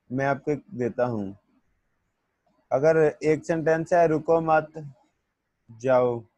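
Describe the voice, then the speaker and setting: A male teacher with a mid-range, darkish voice gives a classroom lecture, captured in a dry recording. He slowly reads out English definitions, explains them in Hindi-Urdu, calls his students "beta," and asks whether they've understood.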